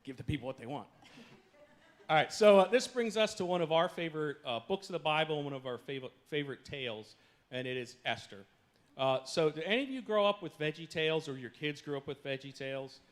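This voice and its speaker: A man with a fairly high, animated voice speaks at a fairly quick pace as a guest giving a sermon from a church stage before a congregation. His talk is casual and chatty, full of self-deprecating jokes and many fillers, with frequent "uh"s between the jokes.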